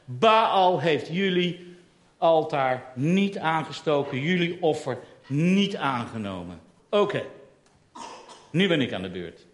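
A man's voice: on the high side, big pitch swings, takes it slowly, pitched below the performer's own voice. A man voicing a bold, confident prophet who teases his rivals in a casual, sarcastic way. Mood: mocking. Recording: roomy echo.

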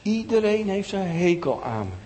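A man's voice: sing-song, moderate pace, darkish tone, big-room sound. A man voicing a small sad girl who stutters when she gets angry. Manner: stuttering, high and pleading.

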